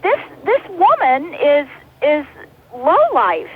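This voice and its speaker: A woman calls in over a clipped car phone line that sounds thin and tinny. Her voice sits high. She speaks in an indignant, moralizing way. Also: big pitch swings, slow, a little hiss or hum. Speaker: caller. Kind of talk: call-in talk radio.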